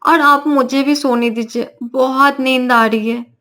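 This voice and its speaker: A woman's voice: high voice, steady tone, a little slow, fairly bright tone. A woman voicing a lazy, cheeky young daughter-in-law who talks back in a sulky way in a cartoon story. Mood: sleepy. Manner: sulky, backtalking.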